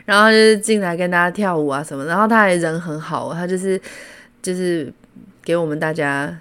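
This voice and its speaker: A woman from Taiwan with a Taiwanese Mandarin accent, hosting a podcast and telling stories in a casual, animated way, laughing often. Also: on the low side, brisk, clean tone. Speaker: podcast host. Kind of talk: casual storytelling.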